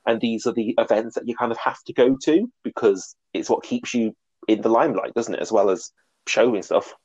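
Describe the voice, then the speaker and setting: Husky-voiced chatty man. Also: medium pitch, brisk, darkish tone, dry recording, highs cut off. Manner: chatty and gushing, with frequent laughs and fillers. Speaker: podcast co-host. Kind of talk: casual chat about reality TV.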